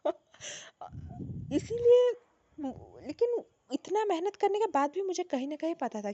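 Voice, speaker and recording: Animated young woman, slightly dull recording. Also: sits high, no echo. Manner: animated, laughs often, many fillers and restarts. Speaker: bank officer sharing her exam story. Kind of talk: casual personal storytelling. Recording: dull lo-fi sound.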